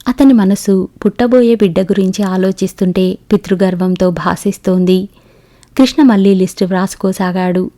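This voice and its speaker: A woman narrating an audiobook novel in a steady, even storytelling manner. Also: medium pitch.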